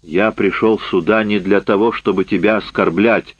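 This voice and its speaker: A man's voice: on the low side, steady tone, moderate pace, breathy edge. A man voicing a furious, accusing camp survivor. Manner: loud, heated, accusing. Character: bitter, worn-out man just back from a camp. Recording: dull, dry lo-fi recording.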